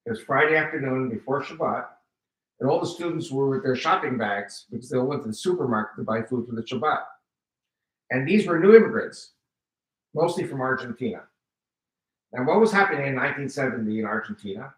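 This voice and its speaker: Speaking fairly quickly in a mid-range voice that's bright and forceful, a guest speaker in his seventies from the United States shares his personal testimony with a live audience. Spanish is his first language, and he animatedly acts out quoted exchanges. He's picked up from a distance in a roomy hall full of echo.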